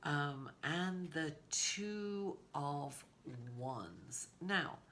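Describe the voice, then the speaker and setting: A woman doing a casual tarot reading in a rambling, informal way, her voice raspy and hoarse from a cold. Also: low voice, lively intonation, extremely slow, a bit bright, slight background noise. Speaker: tarot reader giving a weekly horoscope reading.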